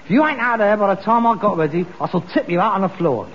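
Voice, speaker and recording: An actor playing a fussy, exasperated middle-aged working-class son in a British sitcom, scolding theatrically in a London accent. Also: male voice, high-pitched, lively intonation, fast talker, a bit bright. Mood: exasperated, disgusted. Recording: dull, noisy, reverberant old broadcast recording.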